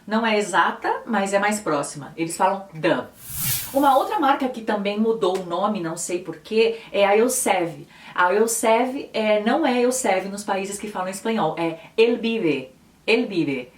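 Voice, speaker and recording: A woman's voice: mid-range voice, expressive, normal speed, few pauses. A young woman with a São Paulo Brazilian accent, chatting casually as she explains pronunciations in a lesson. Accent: São Paulo Brazilian Portuguese. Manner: chatty, patiently spelling out pronunciations. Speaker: Spanish teacher and video host. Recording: roomy echo, mic a bit distant.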